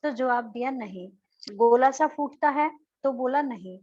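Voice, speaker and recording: A woman's voice: high voice, moderate pace, darkish tone, highs cut off, lightly acted. A woman teacher reads out the lines of a puzzled, patient father of a sick boy. He lists one question after another and each answer. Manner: recounting questions and answers in turn.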